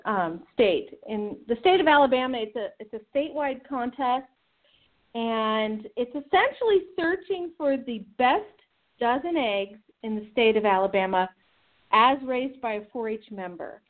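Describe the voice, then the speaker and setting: A woman's voice: a little high, animated, normal speed. A woman guest speaking over a tinny speakerphone line, explaining a contest in an organized, step-by-step way. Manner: organized, walks through plans step by step. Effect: tinny phone line on speakerphone. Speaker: state 4-H program leader, guest. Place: out on location with others around.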